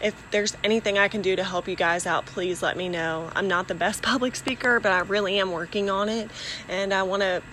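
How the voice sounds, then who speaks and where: A woman's voice: medium pitch, fairly even intonation, brisk, a bit bright, rough recording. Earnest woman talking casually outdoors, background noise. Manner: earnest, informal. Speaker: podcast host and barrel racer. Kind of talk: casual encouraging talk to followers. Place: outdoors, near dogs and horses.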